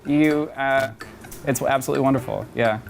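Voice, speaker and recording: A man's voice: mid-range voice, fairly even intonation, normal speed, gravelly, a crowd in the background. A young man from Georgia in the United States, a talk show guest speaking openly and chattily, with frequent fillers. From Atlanta, Georgia, United States. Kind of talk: casual talk show interview.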